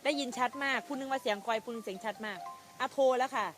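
A woman's voice: fairly high pitch, quick pace, soft background music. A woman hosting a live-stream phone-in chat, blunt and teasing. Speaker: host.

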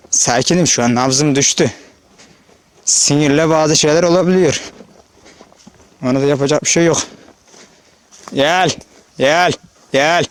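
A man's voice: fairly high pitch, slight background noise. Shepherd vlogger, male, easygoing talk to camera on a hillside. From Turkey. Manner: chatty, addresses viewers directly, calls out to animals. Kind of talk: casual outdoor vlog narration. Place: open hillside pasture outdoors. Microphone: handheld or body-worn camera.

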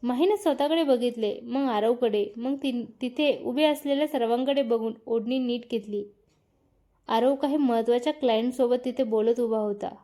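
A woman's voice: a little high, moderate pace, warm tone. A woman reading a story aloud, doing every part herself and naming each speaker after their line. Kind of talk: scripted story narration.

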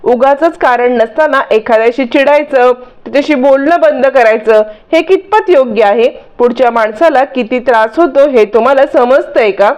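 A woman's voice: sits high, moderate pace, few pauses, a little mellow, highs cut off, close to an everyday voice. A woman voicing an angry young wife who scolds her husband in a reproachful way. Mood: annoyed.

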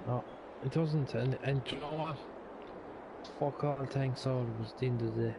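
A man's voice: mid-range voice, normal speed, gravelly. A man chatting casually in a colloquial, sweary way. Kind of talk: casual chat. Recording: noisy voice chat with engine sound.

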